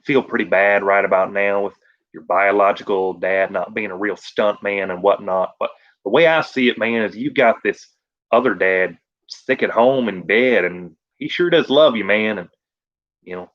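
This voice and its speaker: A man's voice: on the low side, moderate pace, natural voice. A man voicing a spaced-out, rambling young man with an offhand drawl, recorded on a dull, lo-fi mic. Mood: laid-back.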